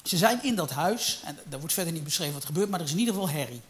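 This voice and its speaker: A man delivers a sermon with a fairly high voice. He rises into loud, fervent bursts, then drops to hushed, low storytelling. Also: racing. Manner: animated, rising to loud emphatic peaks then dropping low and quiet. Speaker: preacher.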